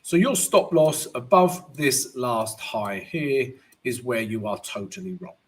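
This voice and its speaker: On his live trading analysis stream, a croaky-voiced man chats away, addressing viewers as "guys" and ending lines with "right?". His voice is mid-range and expressive, and he talks a little slowly.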